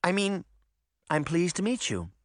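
A man voicing an excitable little girl in an audiobook. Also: high-pitched, a little slow, dry recording, clean studio sound, pitched above the performer's own voice. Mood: gushing.

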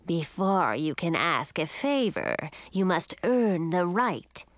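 A woman voicing an old, menacing female sea witch who draws out her threatening words slowly. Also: fairly low pitch, big pitch swings, no echo. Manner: slow, drawn-out threatening delivery.

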